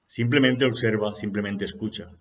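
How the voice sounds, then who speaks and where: A man voicing an older male spiritual master who answers a disciple calmly and matter-of-factly. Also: lowish voice, moderate pace, lo-fi sound, lightly acted. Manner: calm, matter-of-fact answers.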